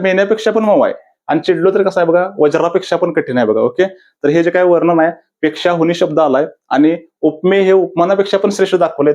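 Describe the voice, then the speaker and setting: A man with a slightly high-pitched voice leads a recorded exam-prep lesson. He poses each question aloud, answers it, then repeats the answer like a drill. Quoted verse lines come out slow and deliberate. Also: darkish tone, highs cut off. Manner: repetitive, quizzing himself with question-and-answer drills. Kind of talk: classroom-style video lecture.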